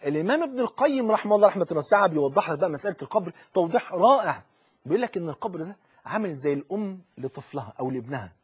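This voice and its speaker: Egyptian man, preacher, rapid speech, colloquial sermon, animated and direct. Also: high-pitched, husky. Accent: Egyptian Arabic. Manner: animated, addresses listener directly, acts out quoted speech.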